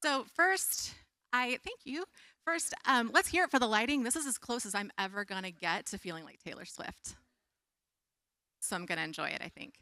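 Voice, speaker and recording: A woman's voice: fairly high pitch, normal speed, sharp tone, no echo, studio quality. A woman speaker on a conference stage telling a heartfelt personal story with a light touch.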